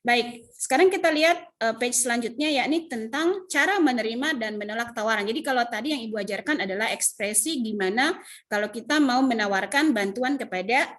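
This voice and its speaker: Patiently repeating English phrases and explaining them, an Indonesian-accented woman from Indonesia leads an online lesson by video call at home. She talks fairly quickly in a slightly high voice with a fairly bright tone.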